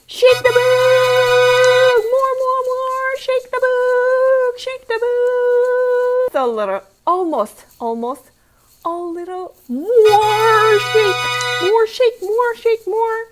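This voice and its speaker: Over loud music, a woman teacher with an extremely high-pitched voice and fairly even intonation reads a picture book to children. She's playful and interactive, posing questions, adding exclamations and sound effects, and slowly repeating phrases for young learners.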